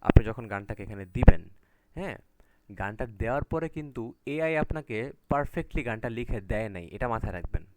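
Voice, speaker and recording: Heavy background noise accompanies a man's medium-pitched voice as he teaches a live class online through a video call. His tone is relaxed, and he repeatedly asks "ঠিক আছে?" to make sure his students are following.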